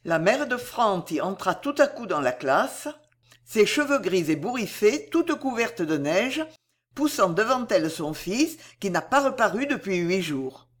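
A narrator reading a classic novel aloud with expressive delivery. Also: medium pitch, measured pace.

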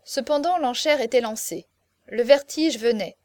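A woman narrating a classic novel as an audiobook in a steady, expressive storytelling voice. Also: a little high, moderate pace, no echo.

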